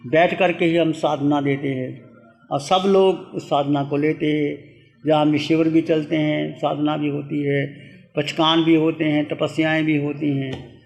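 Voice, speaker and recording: Jain monk preacher, male, unhurried measured delivery, gravel in the voice, slightly high-pitched, emphatic swells between hushed meditation cues. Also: long reverb tail. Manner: slow and deliberate, with emphatic rising phrases; soft, hushed delivery when guiding meditation. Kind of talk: Hindi sermon and guided meditation.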